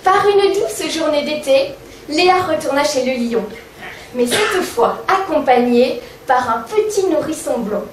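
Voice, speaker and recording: A woman's voice: high-pitched, lively intonation, measured pace, noisy background. A woman comedian reciting a rhyming comic tale on stage in a sing-song, mock-innocent manner. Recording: echoey stage sound from far off.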